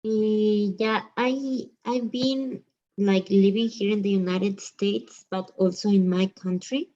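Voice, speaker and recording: Woman, slow and mellow, lots of likes, dull video call sound. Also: medium pitch, steady tone. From Ecuador. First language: Spanish. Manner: hesitant, many likes and fillers. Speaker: student.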